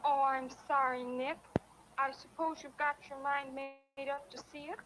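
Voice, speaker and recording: A woman's voice: high-pitched, level tone, a little slow. A woman acting a polite, agreeable young American in a 1950s educational film, speaking in a prim, courteous way. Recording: noisy old film soundtrack.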